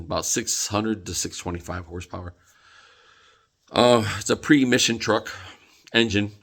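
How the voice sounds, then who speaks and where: A man's voice: low-pitched, a bit bright. A tired man vlogging casually about a truck, rambling with many fillers and restarts. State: tired, yawning. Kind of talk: casual vlog talk.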